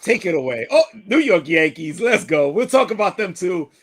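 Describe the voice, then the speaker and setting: Excitable, laughing middle-aged male host. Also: sits high, normal speed, a little hiss or hum. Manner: excitable and laughing, trash-talking, repeats and restarts words. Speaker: sports talk show host. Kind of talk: casual sports chat, livestream.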